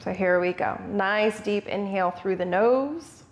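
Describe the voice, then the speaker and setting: A woman's voice: medium pitch, measured pace, a little hiss or hum. A woman with a mid-range voice teaches a yoga breathing exercise. She speaks as an instructor, laying out each step in short, simple cues for the listener to follow. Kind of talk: guided breathing tutorial.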